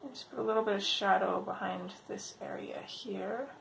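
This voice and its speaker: A woman hosting a casual coloring tutorial, thinking aloud in an unhurried way, her voice slightly off from a mild sore throat. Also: medium pitch, rough recording. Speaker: host of a coloring tutorial video. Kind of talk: casual tutorial chat while working. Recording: clear background noise.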